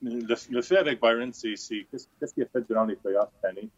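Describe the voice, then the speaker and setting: A man with an accent of his own, a hockey analyst guest joining remotely, halting and repeating words. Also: medium pitch, breathy edge, no echo. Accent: French with a non-Québécois lilt. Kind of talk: remote interview. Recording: dull remote line.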